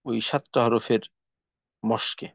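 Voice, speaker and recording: A man's voice: mid-range voice, fairly even intonation, creaky, a bit bright, no echo. A man teaching Quran letter pronunciation in a recorded class, explaining each step and then drilling the sounds over and over. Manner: slow, explains steps, then demonstrates sounds in repeated drills. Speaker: tajweed teacher. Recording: dull lo-fi sound.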